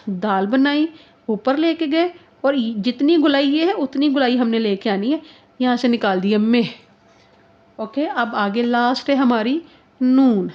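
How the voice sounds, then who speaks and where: A woman's voice: a little high, highs cut off. A woman teaching Urdu handwriting step by step, speaking patiently and repeating each letter sound while checking her students follow along.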